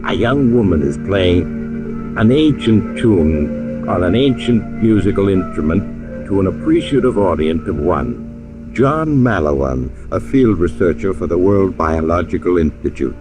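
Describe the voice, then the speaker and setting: An actor playing an enigmatic traveler, narrating eerie radio tales in an ominous, measured, theatrical manner. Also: male voice, low voice, big pitch swings, loud music behind the voice. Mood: grave narration. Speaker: host and narrator.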